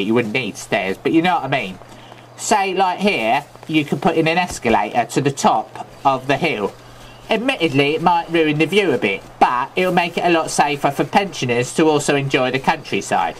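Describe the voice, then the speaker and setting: A man with a London Cockney accent playing a loveable, daft, thieving Cockney man in comedic gameplay commentary, rambling in chatty, absurd deadpan asides. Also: on the high side, a little hiss or hum, natural voice.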